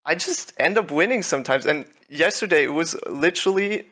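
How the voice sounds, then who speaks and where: Speaking in a high-ish, bright, pushed voice, this young man is animated and fairly fast. He's the Swiss tournament winner chatting laid-back and modestly on a casual video call, often restarting and using fillers.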